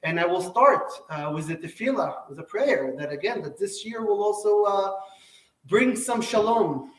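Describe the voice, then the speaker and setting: An earnest man gives a Torah lecture to a live audience in an echoey hall, repeating and restarting phrases. His voice sits high and sounds fairly bright and expressive at a moderate pace, picked up by a distant mic.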